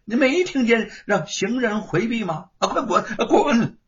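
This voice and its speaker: Loud bullying constable chief, voiced by a man, barking, scornful, dull lo-fi sound. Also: sits high, sing-song, unhurried, pitched above the performer's own voice, exaggerated voice. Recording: dull lo-fi recording.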